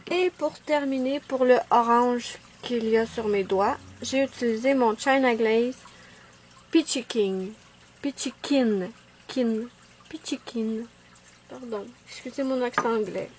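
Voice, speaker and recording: A woman chatting casually at home through a nail art tutorial, self-mocking and quick to apologize. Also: a little high, slight background noise.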